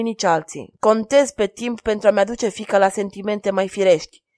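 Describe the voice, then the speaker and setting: A woman's voice: medium pitch, darkish tone, no echo, natural voice. A proud aging king who gives orders and raises his voice when angered, as a woman reads him in an audiobook. The voice has a dry, close sound with almost no room around it. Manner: commanding, raises voice in fury.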